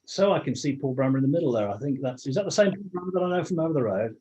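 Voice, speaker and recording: Talking very fast with lively intonation, this Englishman has a mellow, medium-pitched voice. He hosts an online meeting, casually greeting everyone as they arrive and often restarting his sentences, over muffled video call audio.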